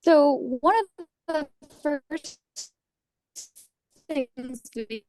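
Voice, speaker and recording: A woman's voice: sits high, extremely slow, a little mellow. A woman school board candidate giving a direct, outspoken forum answer over a remote audio connection that keeps breaking up.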